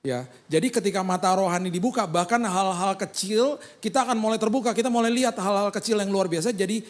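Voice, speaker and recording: A man's voice: high voice, fast talker. A male pastor, preaching a humorous sermon full of acted-out anecdotes and casual slang. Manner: casual Jakarta slang, joking storyteller.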